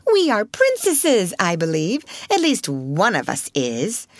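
A woman's voice: deep voice, big pitch swings, measured pace, no echo, full character voice. A woman voicing a haughty, spiteful schoolgirl bully with a sneering, commanding manner in a storybook.

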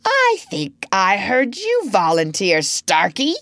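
A woman's voice: medium pitch, very animated, takes it slowly, fairly bright tone, no echo, clean studio sound, pitched above the performer's own voice, full character voice. A woman voicing a sardonic male pirate captain in a storybook reading, theatrical and full of mock-pleasant menace. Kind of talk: storybook narration character voice.

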